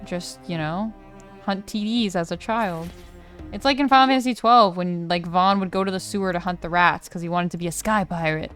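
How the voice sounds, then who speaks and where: A young woman streams a let's play, her low-leaning voice quick, a little bright, clear and resonant. She talks casually in slang, reacts to everything and swears often, with game music playing behind her.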